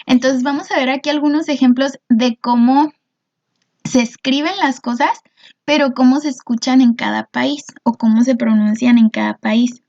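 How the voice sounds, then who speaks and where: A woman's voice: sits high, fairly even intonation, moderate pace, a little mellow, dull audio. A woman teacher, patiently explaining a lesson and often checking in with her students. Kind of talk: recorded class explanation.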